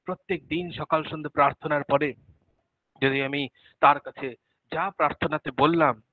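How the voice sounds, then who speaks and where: Male preacher, fairly high voice, devotional talk full of repeated phrases, thin phone-like sound. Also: steady tone, normal speed, no room sound. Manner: repeats phrases for emphasis, drops to a soft voice when speaking prayers. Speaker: religious speaker. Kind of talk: devotional sermon.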